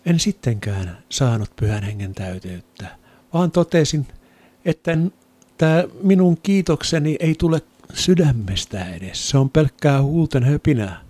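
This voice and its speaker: A man giving an earnest, reflective spoken testimony of faith, sometimes dropping to a soft near-whisper. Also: medium pitch, expressive, no room sound. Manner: earnest, reflective storytelling with quoted inner thoughts.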